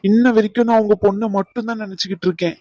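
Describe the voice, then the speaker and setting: A woman's voice: mid-range voice, steady tone, rapid-fire, mellow, dry recording, lightly acted. A woman voicing an earnest young male doctor in a cartoon, pleading and reassuring.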